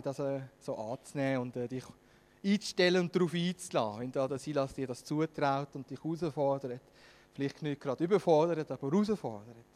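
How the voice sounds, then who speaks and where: Fervent Swiss German preacher, high voice. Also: male voice, big-room sound. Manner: fervent, swings between hushed and loud. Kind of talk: sermon.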